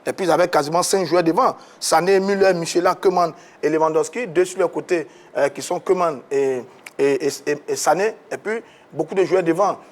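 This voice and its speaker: A man's voice: fairly high pitch, a little fast. A man debating football, posing questions and stumbling over words. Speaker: football pundit.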